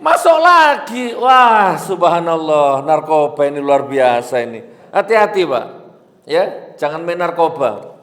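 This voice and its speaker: A male preacher delivers a storytelling sermon, his fairly high voice rising into loud exhortation and then dropping to hushed asides. The sound carries a long echoey reverb, as if he is recorded in a large hall. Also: measured pace.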